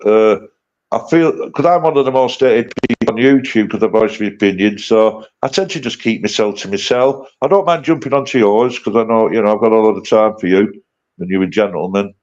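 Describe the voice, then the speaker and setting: A man's voice: fairly low pitch, fairly quick, darkish tone. A man in his late fifties chatting casually on a livestream, blunt and sweary, rambling through his banter. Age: 50s. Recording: dull lo-fi stream audio.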